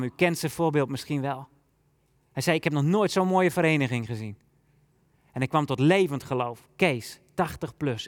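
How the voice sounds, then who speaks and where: A man preaching a fervent sermon in a church, drawing out his phrases slowly. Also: fairly high pitch, big-room sound. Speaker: pastor.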